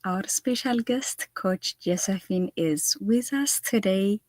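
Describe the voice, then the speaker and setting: Woman host from Ethiopia, excited, bubbly, slow speech, dry sound. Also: mid-range voice, no echo. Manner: excited, bubbly, laughs often. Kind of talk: live stream hosting.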